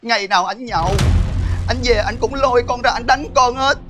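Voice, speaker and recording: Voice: mid-range voice, a little fast, lightly acted. Give me a performer as a defiant, fed-up wife in a slapstick sketch. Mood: despairing. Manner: brash and defiant. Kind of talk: stage comedy sketch. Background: music.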